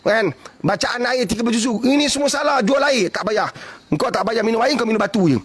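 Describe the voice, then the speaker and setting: High-voiced husky Malaysian preacher. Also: male voice, a little fast. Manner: animated, repeats rhetorical questions like "understand or understand?"; folksy, blunt, joking asides. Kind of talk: casual preaching talk.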